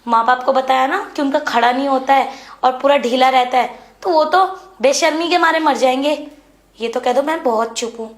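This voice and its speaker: A woman playing a frustrated young married woman who pleads with her brother-in-law, insistent and hushed. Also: high voice, normal speed, close to an everyday voice. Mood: pleading. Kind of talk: Hindi web series dialogue. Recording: echoey room.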